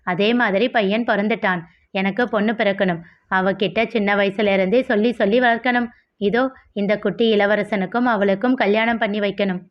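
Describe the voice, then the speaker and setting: A woman's voice: medium pitch, steady tone, normal speed, close to an everyday voice. A woman voicing a teasing young husband in a storybook reading, in a lazy, bantering way. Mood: earnest. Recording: dull lo-fi audio.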